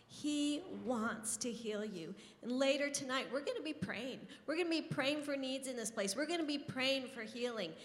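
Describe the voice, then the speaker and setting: A woman's voice: a little high, a bit bright. Fervent woman preaching in an echoey hall. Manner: fervent, affirming repetition. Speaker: host of a women's gathering. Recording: echoey hall, long reverb.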